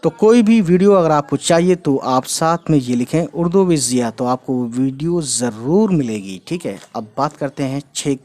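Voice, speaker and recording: A man's voice: a little high, animated, moderate pace, hardly any pauses, warm tone. Chatty man teaching Urdu script. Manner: explains step by step, repeating each sound and using many fillers; mixes in English phrases. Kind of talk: casual whiteboard lesson.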